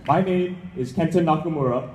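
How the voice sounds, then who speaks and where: A young man delivers a prepared speech with a Hawaiian accent. His voice sits a little high, and it rings through a large, echoey hall with long reverb. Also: normal speed, noisy background. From Hawaii, United States. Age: young adult. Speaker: student scholarship winner giving a speech. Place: large indoor event hall.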